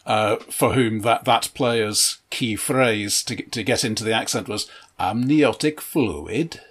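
A man, a tabletop game master, talking in a measured way in a casual chat, often stammering on his first words. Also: on the low side, a bit bright, husky.

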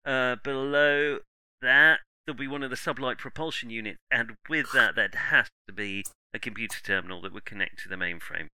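A man's voice: medium pitch, fairly quick, bright, forceful tone, slight background noise, poor audio. A man running a tabletop game as game master, hesitant and self-mocking, with lots of ums.

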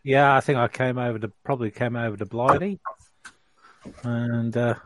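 A man chatting casually as a player in a tabletop game, halting and often repeating his words. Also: medium pitch, fairly even intonation, a little hiss or hum. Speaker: tabletop role-playing player. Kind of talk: casual chat.

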